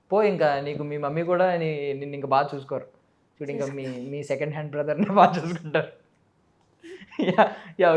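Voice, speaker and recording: A woman interviewing a child guest in a relaxed, playful way, teasing him with a stream of questions and mixing English words into her speech. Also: sits low. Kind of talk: casual interview chat.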